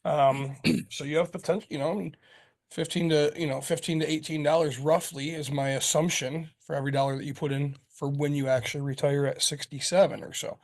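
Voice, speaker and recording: A man's voice: on the high side, little pitch movement, brisk, a little mellow. A man co-hosting a casual podcast, rambling as he explains investment numbers, with the odd swear. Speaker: podcast co-host.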